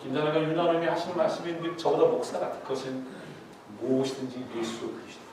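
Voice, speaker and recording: A middle-aged male pastor preaching a sermon in a lively way, acting out voices and putting questions to his congregation. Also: a little high, fast talker, background noise. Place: large church sanctuary. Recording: echoey hall, mic far from the speaker.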